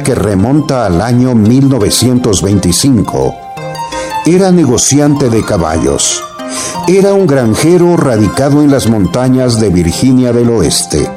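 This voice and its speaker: A man delivering a dramatic scripted introduction as the narrator of a program. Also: mid-range voice. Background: music.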